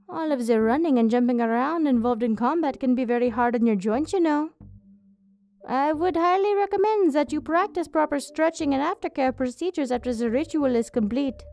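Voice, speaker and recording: Over a background of music comes a high, mellow female voice: a woman acting a witch healer in an ASMR roleplay. She is doting and a little possessive of her creatures. Her phrasing is careful, clinical and soothing. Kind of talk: ASMR roleplay, soft scripted character acting.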